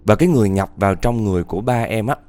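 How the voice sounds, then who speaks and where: A man's voice: on the low side, lively intonation, rapid-fire, a little mellow, no room sound. A man narrating a ghost story in a conversational way, talking straight to his listeners. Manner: conversational, addresses listeners directly.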